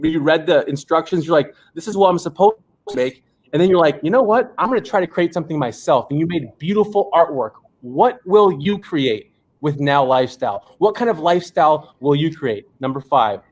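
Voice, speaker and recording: A man giving a fired-up, rallying motivational pitch to an online audience. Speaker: motivational presenter.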